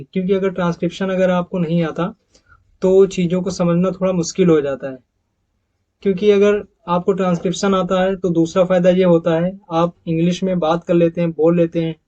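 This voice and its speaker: A man teaching English pronunciation over slides, repeating each example word slowly and calling his viewers friends. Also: sits high, fairly even intonation, warm tone, dull audio. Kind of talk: slide-based pronunciation lesson.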